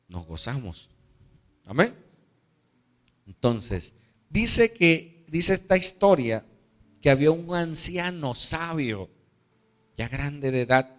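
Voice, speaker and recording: A man's voice: on the high side, fairly bright tone. A man preaching a sermon, conversational and storytelling, checking in with his listeners. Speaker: pastor.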